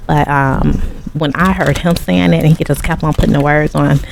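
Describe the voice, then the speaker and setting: A man's voice: a little high, fairly even intonation, normal speed, gravelly, noisy background. A man giving a tarot reading in a casual, rambling way, often turning to the viewer with asides. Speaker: tarot reader. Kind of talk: casual chat.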